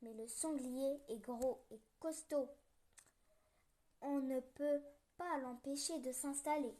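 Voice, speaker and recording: A woman reading a children's story aloud, gentle and playful with snoring sound effects. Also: high voice, fairly even intonation, takes it slowly.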